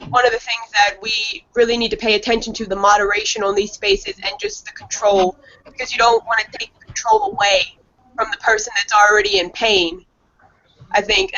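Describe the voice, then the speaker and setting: A woman speaking as a guest on an online panel, explaining her points in a measured way with frequent ums. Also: mid-range voice, a bit bright. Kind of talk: casual panel discussion. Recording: lo-fi online call audio.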